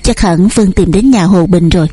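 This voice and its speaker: Woman doing a puzzled young male student in a story, muttering to himself, soft voice. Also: on the low side, normal speed, husky, soft background music.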